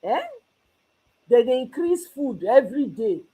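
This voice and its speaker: Husky and dark-toned yet on the high side, this woman's voice swings widely in pitch and moves a little slowly. She's Nigerian, based outside Nigeria, delivering impassioned solo political commentary on her own channel while mixing Pidgin with English.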